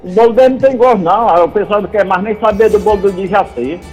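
A high-pitched man phones in to a comic radio show, chatting and sending greetings. Faint music plays behind him. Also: fast, darkish tone, slightly rough, lo-fi sound. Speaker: radio caller.

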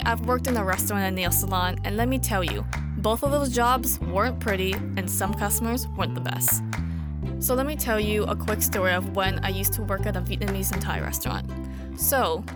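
Young woman host reading an intro. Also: medium pitch. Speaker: podcast host. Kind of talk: scripted podcast intro.

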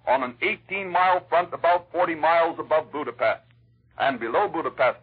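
A man's voice: fairly high pitch, breathy edge. A man with an American accent reads scripted war news in the formal, dramatic manner of an old 1940s radio announcer. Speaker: radio newscaster. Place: radio newsroom. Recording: muffled vintage 1940s radio broadcast.

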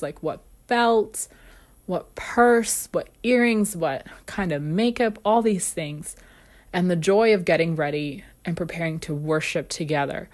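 Woman doing a self-help podcast, kinda low voice, earnest, laughs a lot as she tells stories. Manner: earnest, personal storytelling with frequent light laughs. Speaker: podcast host.

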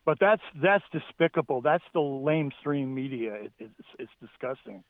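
A man's voice: medium pitch, lively intonation, normal speed, no echo. An older man calling in to a talk show, debating politics informally, emphatic and repeating himself. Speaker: phone-in caller. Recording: tinny phone line.

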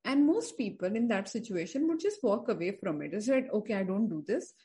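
A woman's voice: mid-range voice, very animated, fairly quick, mellow. A woman hosting a podcast, asking probing questions and affirming her guest. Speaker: podcast host. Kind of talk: interview questions.

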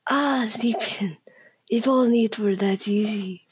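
A woman voicing a ghostly male villain who guards a treasure, slow and husky as if dying, in an amateur read-through. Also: fairly high pitch, slight background noise, lightly acted. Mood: ominous, solemn.

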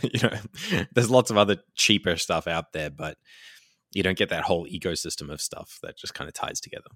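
A man with a very low yet bright, forceful voice chats casually and fairly quickly, explaining things with animated enthusiasm and lots of fillers. The recording is dry, close-miked, and free of echo.

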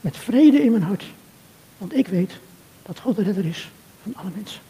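An older man giving an earnest, measured sermon talk, speaking directly to a churchgoer. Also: sits high, expressive, warm tone, a little hiss or hum. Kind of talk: reflective sermon talk addressed to a listener. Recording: long reverb of a hall.

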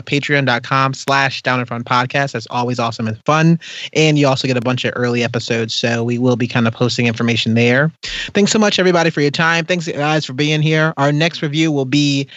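Male podcast host, mid-pitched, chatty, on a dull dry recording. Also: fairly quick, fairly bright tone, no echo. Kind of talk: casual podcast chat.

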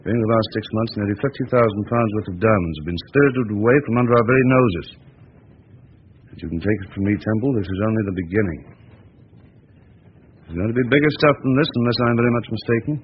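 An actor playing a worried, blunt Scotland Yard chief inspector in a vintage radio drama, with earnest, clipped, old-fashioned speech. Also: male voice, on the low side, fast talker, natural voice. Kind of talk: 1940s radio acting. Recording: lo-fi old radio recording with hiss.

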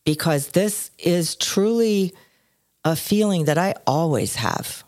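Older woman podcast cohost, low deep voice, dry close sound, tells stories expressively. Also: takes it slowly, dry recording. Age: 60s. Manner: expressive storyteller, swings between low and high pitch. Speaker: podcast co-host. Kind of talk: casual chat.

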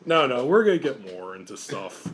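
A man's voice: mid-range voice, very animated, normal speed, noisy background. A young American man hosting a podcast as a casual, informal interview, calling his guest bro and man. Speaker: podcast host.

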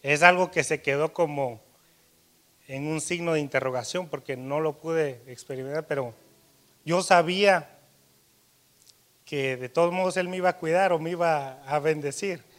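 A man preaching a sermon, telling a personal story, his voice rising louder and dropping soft. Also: on the high side, moderate pace, long pauses.

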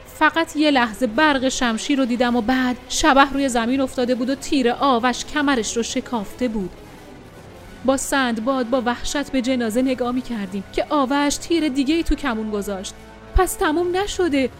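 Woman narrator, high voice, first-person adventure story, expressive and dramatic, faint music underneath.

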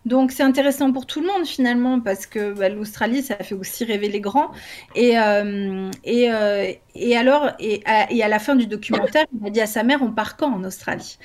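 A woman talks with eager enthusiasm, her voice sitting a little high. She explains in long, flowing runs sprinkled with fillers, like a co-host in a relaxed group chat. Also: moderate pace. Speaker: co-host presenting a language-learning project. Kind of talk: casual group discussion.

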